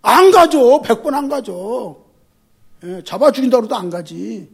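A male pastor preaching a sermon in an emphatic, animated way, swinging from quiet asides to shouted appeals and telling lively stories. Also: extremely high pitch, measured pace, creaky, husky.

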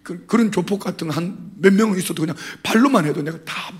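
A middle-aged man preaching a sermon as a pastor, telling stories with big swings between loud and soft. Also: high voice, fast.

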